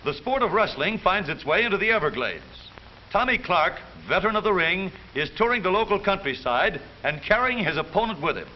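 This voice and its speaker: Brisk and full of big pitch swings, an American man with a fairly high voice delivers theatrical, wisecracking narration for a jaunty 1930s newsreel. A light hiss runs through the dull old soundtrack.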